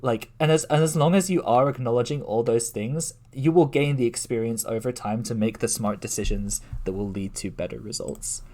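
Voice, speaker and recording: A man's voice: medium pitch, brisk, hardly any pauses, mellow. A man hosting a casual livestream interview, talking in a rambling way with lots of restarts. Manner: rambling, many fillers and restarts. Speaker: streamer host.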